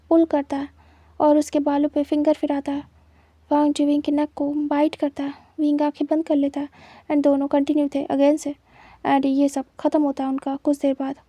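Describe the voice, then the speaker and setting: A woman narrates a fanfiction story in a steady, even reading, slipping English words into her sentences. Her voice is high yet very dark in tone, with little rise and fall, recorded close and dry. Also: no echo.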